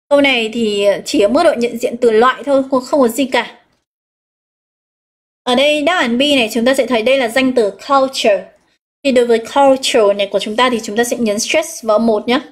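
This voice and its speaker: A woman's voice: sits high, steady tone. A woman with a Northern Vietnamese accent teaching a live online English exam review, explaining step by step and reading out students' answers. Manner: explains step by step, reads out students' answers, drawn-out key words.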